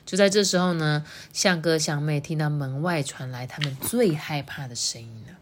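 A woman with a Taiwanese Mandarin accent hosts a story time, reading a picture book to kids. Her voice sits a little low for a woman, yet she reads lively and expressively, chatting between pages. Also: moderate pace, slight background noise. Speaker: storybook reader host.

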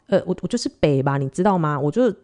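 Taiwanese woman, late 30s, podcast host, animated storyteller with a wide, lively pitch. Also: quick pace. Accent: Taiwanese Mandarin. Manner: chatty, animated, acts out quoted dialogue. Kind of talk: casual storytelling monologue.

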